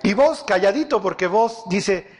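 A man preaching a sermon, animated and often quizzing his audience with questions. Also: high-pitched, a little slow.

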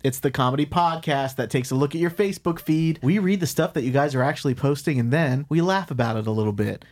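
A man's voice: a little high, fast talker, darkish tone. A man hosting a comedy podcast, bantering and reading posts aloud in a crude, irreverent, profane way.

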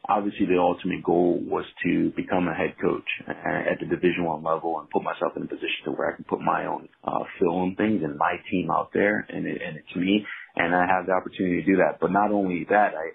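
A man's voice: deep voice, vocal fry, a little hiss or hum. A man being interviewed as a new head coach, talking earnestly in a rambling way with many restarts. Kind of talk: casual interview talk. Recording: tinny phone-line audio.

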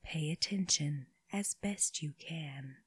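Gently, in short phrases separated by long pauses, a woman leads children through a slow guided body scan meditation. Her breathy voice sits low and often sinks toward a whisper, with no echo.

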